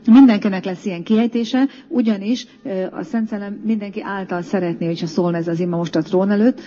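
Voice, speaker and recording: A woman's voice: medium pitch, fairly even intonation, mellow. A woman pastor leading a congregation in prayer, coaxing listeners and chanting long strings of flowing syllables between her instructions. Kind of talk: sermon with guided prayer in tongues. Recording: dull lo-fi recording.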